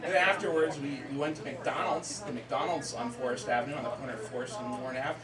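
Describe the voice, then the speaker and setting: Thirties male stand-up, deadpan and repetitive, miked in an echoey club with a roaring audience. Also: mid-range voice, fast talker. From southern Maine. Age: 30s. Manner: deadpan, repetitive, self-deprecating. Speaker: stand-up comedian. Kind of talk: stand-up set. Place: comedy club stage. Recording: roomy club sound from a distance, loud crowd laughter. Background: crowd laughing.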